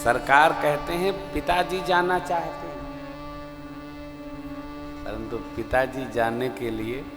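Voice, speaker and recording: A man preaching a devotional sermon, dramatic, swinging from loud emphasis to quiet asides, and now and then breaking into sung verse. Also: mid-range voice, fairly even intonation, takes it slowly. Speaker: katha preacher. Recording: long reverb of a large hall with faint music.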